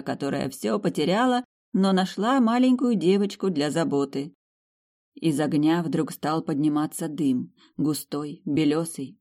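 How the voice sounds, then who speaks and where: A woman's voice: low voice, mellow. A woman narrating a fantasy novel in the first person, with emotional, intimate storytelling. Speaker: audiobook narrator.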